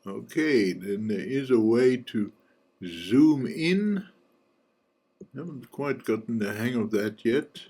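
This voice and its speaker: A man hosting a casual screencast walkthrough of software, thinking aloud and dropping relaxed joking asides. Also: medium pitch, takes it slowly, breathy edge. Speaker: software reviewer and channel host.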